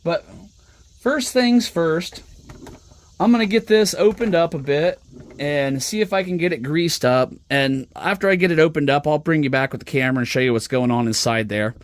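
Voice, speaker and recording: A hobbyist presenter with a fairly high-pitched male voice talks at a normal speed, giving a casual, unscripted show-and-tell and thinking aloud as he works. He's recorded on a smartphone camera at his workbench, and the sound is dry.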